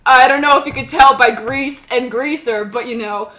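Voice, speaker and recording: A woman's voice: sits high, moderate pace, sharp tone, rough recording. A woman giving casual, joking commentary as the author of the writing being read. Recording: some background noise.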